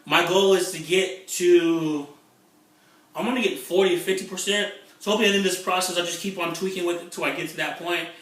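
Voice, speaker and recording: A middle-aged man talking in a casual vlog about online marketing, excitable and rambling, often repeating himself. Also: high voice, fairly quick, far from the mic. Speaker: internet marketing vlogger. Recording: echoey room, away from the mic.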